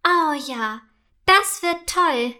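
A woman doing an excitable little girl, high and eager. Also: extremely slow, heavily acted. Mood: excited. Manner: eager, breathless, stammering when caught. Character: lively excitable young girl.

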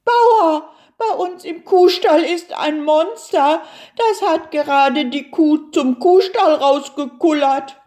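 A woman's voice: slow, warm tone. A woman voicing a flustered farmer's wife in a children's storybook, crying out in alarm. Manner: high, alarmed exclaiming.

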